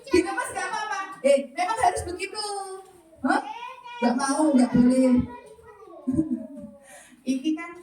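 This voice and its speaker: A woman's voice: very high voice, animated, unhurried, long pauses, a crowd in the background. A woman primary school teacher with a Javanese accent, coaxing children with playful questions. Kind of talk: classroom lesson with children. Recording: roomy, far from mic, noisy class. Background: children chattering.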